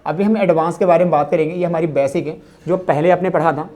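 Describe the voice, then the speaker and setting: A woman teaching a grammar lesson to students, repeating key phrases slowly and asking rhetorical questions as she explains. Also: fairly low pitch, fairly even intonation, dull audio.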